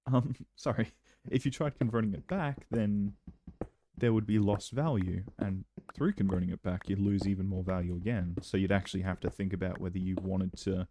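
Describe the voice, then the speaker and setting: A young man giving casual let's-play commentary, chatty and rambling, breaking into excited outbursts now and then. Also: sits low, background noise. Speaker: gameplay commentator.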